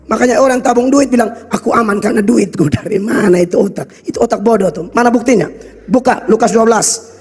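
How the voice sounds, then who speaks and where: High-voiced, husky Kupang preacher. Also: male voice, quick pace, a little mellow. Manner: blunt, scolding preaching with local slang. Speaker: pastor. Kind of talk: sermon. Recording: reverberant hall with faint music.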